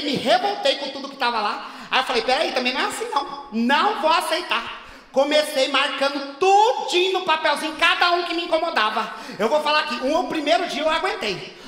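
A man playing a brash, fed-up woman, told in a stand-up comedy monologue, who gossips and rants in a high, bright, piercing voice with sudden shouted bursts. The sound is echoey, caught from far off in a long hall reverb. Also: heavily acted. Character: brash indignant woman caring for her hospitalized father. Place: theater stage at a live show.

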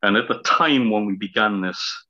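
Heard at webcam distance on a slightly dull video call, a man of about fifty explains things in an interview, hesitating as he reaches for words. He's a historical fencing teacher from Northumberland in north-east England, with a heavy accent and long vowels, speaking in a lowish, pushed and bright voice at a moderate pace. He's indoors in a small room at home.

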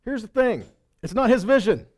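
This high-voiced middle-aged preacher moves at a moderate pace with lively intonation. Wearing a headset mic, he teaches the Bible live from an indoor stage in a meeting room or hall. He is emphatic yet chatty, regularly checking in with the people listening.

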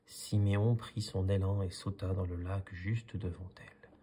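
A man calmly reading a children's story aloud in a soothing manner. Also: deep voice, normal speed, slight background noise. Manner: calm, soothing. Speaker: storybook reader. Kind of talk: calm read-aloud story.

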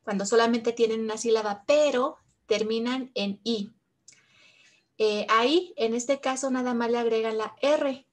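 Slow, patient woman teaching grammar. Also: fairly high pitch. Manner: patient, repeats each example slowly in two languages. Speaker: English teacher. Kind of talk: bilingual grammar lesson.

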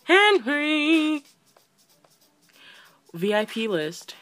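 Gushing young woman, very bright. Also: on the low side, steady tone, moderate pace, soft background music. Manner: gushing, repeats "oh my gosh", breathless. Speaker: mobile game player. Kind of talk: excited gaming vlog chatter.

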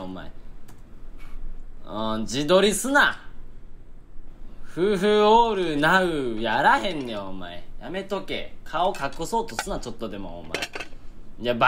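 A young man with a Kansai accent, snapping out exasperated comic retorts in a voice that leaps wildly from high to low. His tone is bright and forceful, with a faint hiss of noise behind him. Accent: Kansai Japanese. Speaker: comedian. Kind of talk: comic voice-over commentary.

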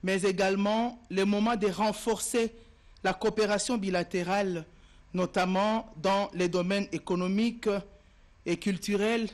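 A man's voice: sits high, steady tone, measured pace. A man making a formal official statement in official phrasing.

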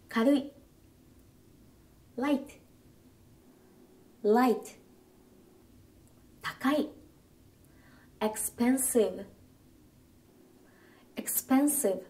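A woman narrates a phrase lesson at a very slow, deliberate pace, saying each phrase twice with care. Her voice is mellow and fairly high. She sounds set back a little from the mic. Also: far from the mic. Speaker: phrase instructor. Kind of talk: scripted instructional narration.

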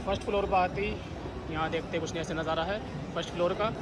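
This man's voice is high and quick, with fairly even intonation. Narrating into a phone camera, he strolls from an outdoor plaza into a big shopping mall, constantly repeating "dekhiye" while pointing at things, with loud music and crowds behind him.

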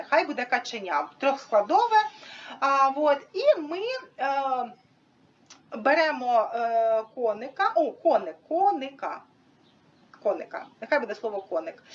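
A woman's voice: on the high side, highs cut off. A woman explaining a teaching method to an audience in an informal, hesitant way, with many fillers, demonstrating with props. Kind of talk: informal instructional talk.

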